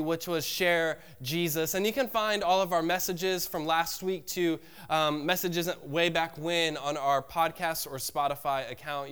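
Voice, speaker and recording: A man's voice: a little high, fairly bright tone, smooth. A young man preaching a casual sermon as lead pastor, congested, acting out everyday dialogue. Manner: casual, conversational preaching with playful acted-out dialogue.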